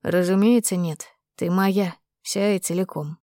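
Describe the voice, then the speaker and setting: A woman doing a hushed, tender male lover. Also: steady tone, a little slow, no echo, studio quality, lightly acted. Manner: low, hushed and gentle.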